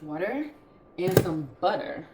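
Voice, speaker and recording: She's a home cooking vlog host with a Southern US accent, chatting informally through a demonstration indoors at home. Her voice sits on the low side, animated yet slow-paced. Clattering utensils and a roomy kitchen echo fill the recording.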